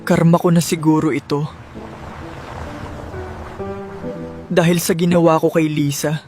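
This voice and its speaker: A man's voice: fairly high pitch, level tone, quick pace, darkish tone, soft background music, close to an everyday voice. A man acting a desperate, guilt-ridden husband in a melodrama, pleading and anguished. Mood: remorseful.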